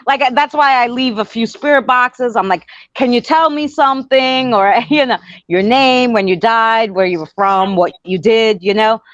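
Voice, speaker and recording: A woman's voice: fairly high pitch, moderate pace, dry recording. A woman with a Queens, New York accent chatting casually as a guest, rambling through retold stories and quoted conversations. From Queens, New York City. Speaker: guest, paranormal spirit communicator. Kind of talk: casual chat. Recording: dull lo-fi close audio.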